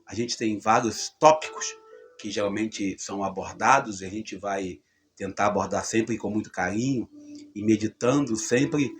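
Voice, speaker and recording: A man giving a conversational gospel reflection, with fillers and emphatic rises. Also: lowish voice. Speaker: preacher.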